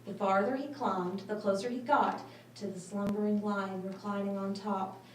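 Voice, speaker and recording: A woman reading a children's story aloud with expressive, dramatic phrasing. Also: mid-range voice, moderate pace. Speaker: storybook reader. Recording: roomy, distant mic, faint noise.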